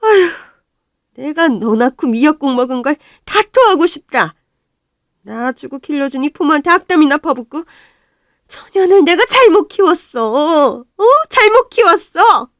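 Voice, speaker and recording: A woman voicing a shrill, scolding middle-aged mother. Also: lively intonation, moderate pace, no room sound, studio quality, natural voice. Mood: shouting. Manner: shrill scolding, shouting at her daughter. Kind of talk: storybook radio drama.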